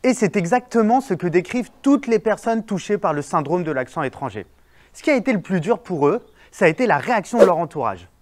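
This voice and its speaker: Narrating a pop neuroscience piece, this man speaks a little quickly in a high-pitched voice, playful and lively as he explains things. He also stops people on the street to ask them questions.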